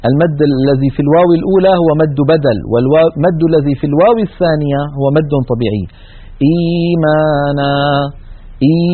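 A man teaching the rules of Quran recitation in a recorded lesson, explaining slowly and drawing out example words. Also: a little high, slightly rough. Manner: slow explanatory delivery, stretches example words. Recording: tinny narrow-band recording.

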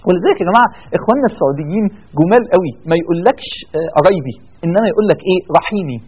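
A man's voice: sits high, rapid-fire, slightly rough. A man with an Egyptian accent giving a religious talk, firing rhetorical questions and acting out people's excuses. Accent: Egyptian Arabic. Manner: animated, rhetorical questions, acts out excuses of listeners. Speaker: preacher. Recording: tinny phone-like sound.

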